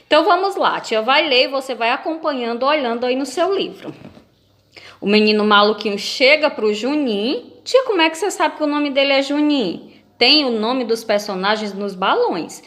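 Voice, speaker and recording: Brazilian woman teaching kids, fairly high. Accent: Brazilian Portuguese. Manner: patient and lively, asking children questions. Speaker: primary school teacher. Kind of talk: reading a comic aloud in a video lesson.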